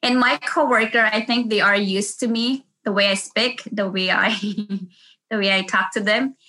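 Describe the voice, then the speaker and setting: A middle-aged Filipina nurse with a Filipino accent tells casual stories in an interview, chatty and laughing often. Her mid-range voice is pushed and bright, with fairly even intonation and a slightly slow pace.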